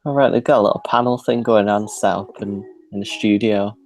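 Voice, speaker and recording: A man's voice: fairly low pitch, steady tone, a little fast. A man co-hosting a live reaction stream in casual chat, laughing often and teasing his friend.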